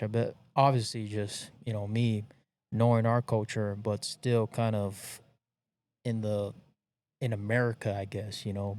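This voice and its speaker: A man's voice: fairly low pitch, warm tone. A man from Hawaii hosting a podcast, chatting casually in a rambling way with lots of slang and fillers. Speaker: podcast host. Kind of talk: casual chat.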